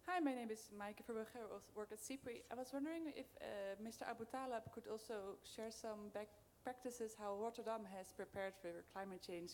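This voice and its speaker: A woman's voice: mid-range voice, a little mellow, a little hiss or hum. A woman in the audience asking a polite question from the floor.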